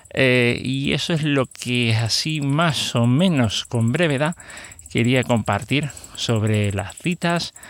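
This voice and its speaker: A man's voice: medium pitch, no echo. A middle-aged man with a Spain Spanish accent hosting a podcast alone. He talks casually and rambles, with many hesitations and self-corrections. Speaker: podcast host. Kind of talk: casual solo podcast talk.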